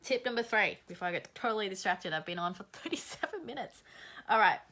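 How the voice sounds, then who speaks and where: A woman coaching creative viewers on a live stream, slightly hoarse after the flu, energetic and blunt but encouraging, reading out viewer comments as she goes. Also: mid-range voice, fast talker.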